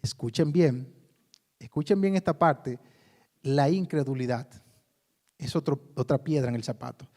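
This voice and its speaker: A man's voice: medium pitch, unhurried, long pauses, mellow. A man preaching a sermon in a conversational way, often calling his listeners brother. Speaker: pastor.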